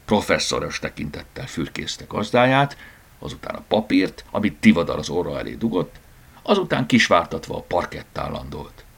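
Male audiobook narrator, very low and gravelly, expressive storybook reading with whispered asides.

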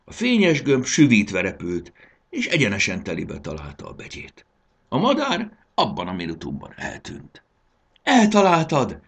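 Low husky guy reading a kids' fantasy story, big swings in pitch, lots of drama. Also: huge pitch swings. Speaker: narrator.

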